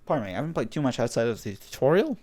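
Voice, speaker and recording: His voice fading, a young podcast host talks very fast in a mid-range, darkish voice with big pitch swings. The chat is casual and rambling, full of laughter and filler words.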